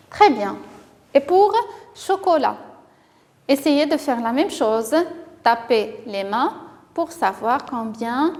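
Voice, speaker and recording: A high-pitched woman teaches young children to read, talking slowly and stretching each word so the sounds come through. She praises them often. Her voice trails off in a long reverb. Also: a little mellow. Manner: slow, carefully articulated, drawing out words to model sounds; encouraging, with frequent praise. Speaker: primary school teacher. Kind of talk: reading lesson for young children.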